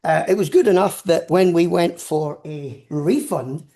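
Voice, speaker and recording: An older man with a Scottish accent, a professor, lectures on science in a relaxed, informal way, his slightly high, mellow voice moving at a measured pace. He rambles into anecdotes and repeats himself, captured in an echoing, roomy space.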